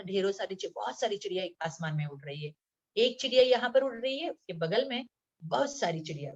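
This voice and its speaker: A woman teacher from Mumbai giving a slow, patient lesson to young children, reading words one by one and often checking in with the class. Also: mid-range voice. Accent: Mumbai Hindi. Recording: dull lo-fi sound.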